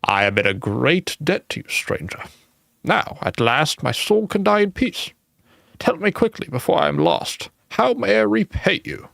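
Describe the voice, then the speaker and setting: A dusty old spirit of a fallen lord speaks in a thin, high, quavering voice that swoops up and down, as a man puts him on. He talks slowly and solemnly, with a gravelly edge, in a dry, close game reading. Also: huge pitch swings, fairly bright tone, no echo, exaggerated voice. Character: ancient frail male ghost noble, solemn.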